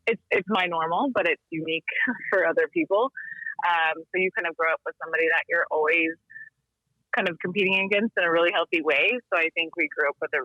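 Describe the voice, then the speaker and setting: On a remote call-in line from her Littleton, Colorado home, a thirtysomething woman originally from Texas guests on a podcast, speaking quickly in a fairly low voice with no echo. She keeps it casual, with frequent ums and laughs, and the audio sounds dull and dry.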